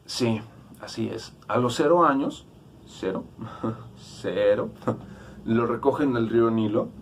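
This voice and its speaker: A man with a Mexican accent preaching a casual youth sermon, conversational and slangy, often checking in with listeners. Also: medium pitch. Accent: Mexican Spanish.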